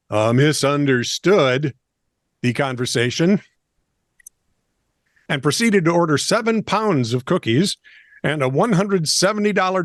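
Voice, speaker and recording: A man's voice: medium pitch, no echo, studio quality. A man co-hosting a comedic oddball news podcast, reading stories with wry jokes and asides. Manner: jokey, lively, reads stories with wry asides. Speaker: co-host.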